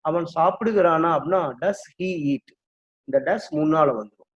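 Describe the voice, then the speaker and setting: Male English tutor, patient drill style, raised pitch, dull lo-fi audio. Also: moderate pace. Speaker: English teacher. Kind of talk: classroom explanation in Tamil with English drills. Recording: dull lo-fi recording.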